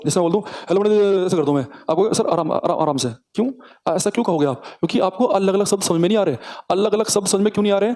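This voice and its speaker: A male teacher, speaking in a fairly high voice at a brisk clip. He repeats key phrases for students to copy down and talks to the class directly. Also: a little mellow. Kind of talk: physics lesson with dictation.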